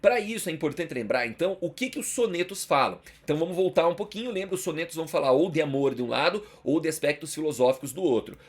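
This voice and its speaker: Young adult Brazilian male teacher, husky, informal and slangy, for a friendly exam-prep lecture. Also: fairly high pitch, animated, fast talker, hardly any pauses. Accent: Brazilian Portuguese. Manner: chatty, slangy, checks in with listeners constantly.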